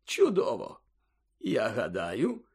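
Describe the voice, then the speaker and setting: A man voicing a calm, kindly old headmaster in an audiobook, speaking slowly and measured. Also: lowish voice, breathy edge, pitched below the performer's own voice, exaggerated voice. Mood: knowing.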